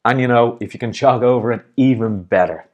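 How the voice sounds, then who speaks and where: A man's voice: mid-range voice, brisk, darkish tone, lo-fi sound. A man hosting a motivational video as a life coach, talking in an upbeat, encouraging way and smiling as he speaks. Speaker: life and business coach, host.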